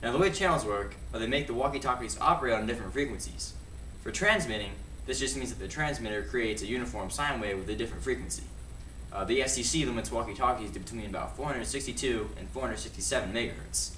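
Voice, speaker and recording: A young student presenter gives an explanatory presentation for an educational video, speaking fast in a mid-range, slightly bright voice. The room is echoey, with a distant mic and faint noise.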